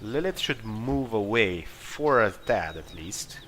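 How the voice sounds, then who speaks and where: A let's play host with a fairly low, animated voice speaks slowly over a noisy crowd, casually improvising commentary and hesitantly deciding his moves aloud. Video game music and battle sounds play under his commentary.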